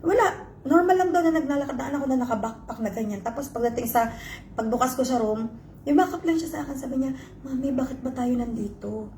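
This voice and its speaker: A woman's voice: high voice, animated, quick pace, darkish tone, a little hiss or hum. A woman vlogger telling her viewers an emotional personal story, switching between Tagalog and English. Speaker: vlogger host. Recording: roomy echo.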